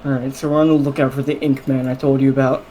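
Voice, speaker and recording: A man voicing a calm, loyal young man in a tabletop game, speaking in a low-key, easygoing way. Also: fast, a little hiss or hum, lightly acted, poor audio.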